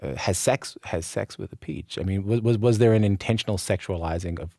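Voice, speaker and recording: A man's voice: fairly low pitch, a little fast, gravelly, dark tone, no echo, clean studio sound. A man hosting a radio interview, asking questions in an earnest, enthusiastic way. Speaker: radio host.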